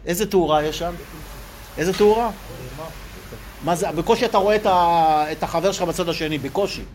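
A man giving an animated Torah lecture, asking rhetorical questions and acting out quoted voices for his listeners. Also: high voice, slight background noise. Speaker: religious teacher.

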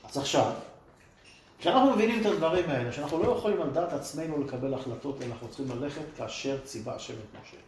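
A man with a high voice that swings up and down a lot gives an emphatic Torah class. He keeps throwing rhetorical questions at his listeners. His voice echoes around the room he teaches in. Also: expressive, a little mellow, slight background noise. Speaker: religious teacher. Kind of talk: Torah class with audience replies. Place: room with a live audience.

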